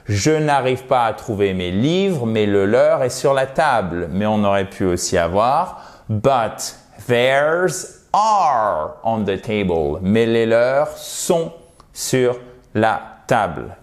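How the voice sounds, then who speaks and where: A man teaching a language lesson at a slow, unhurried pace. He spells words out and repeats example phrases with care. He keeps checking in with short questions like a patient teacher. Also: on the low side, big pitch swings. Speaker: English teacher.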